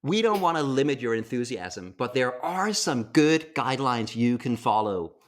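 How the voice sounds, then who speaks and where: A man's voice: mid-range voice, very animated, moderate pace, slight background noise. A man co-hosting a podcast with an American accent, telling stories in a playful, enthusiastic way. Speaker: podcast co-host. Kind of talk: casual podcast chat.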